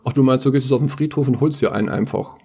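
A man's voice: medium pitch, racing, warm tone, husky. A man narrating a family story in a playful, wry way, then bantering casually. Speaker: podcast host and storyteller.

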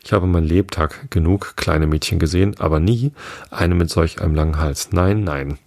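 Scornful nesting pigeon, read by a man, accusing and aggrieved, deep gravelly storybook voice. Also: normal speed, darkish tone. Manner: shrill accusing, sobbing complaints. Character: anxious, scornful female pigeon guarding eggs.

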